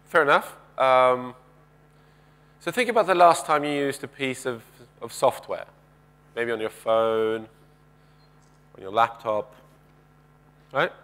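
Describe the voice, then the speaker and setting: On a large conference stage, a man in his thirties gives a keynote through a headset mic at a slow pace, leaving long pauses in a mid-range, fairly bright voice. He walks the stage with gestures, keeps things conversational, quizzes the audience, and often begins sentences again.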